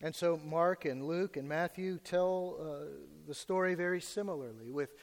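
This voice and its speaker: Male American preacher, slightly high voice, measured and earnest Bible exposition at a pulpit microphone, long hall reverb. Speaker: pastor preaching to a congregation. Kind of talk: expository sermon. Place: large church hall.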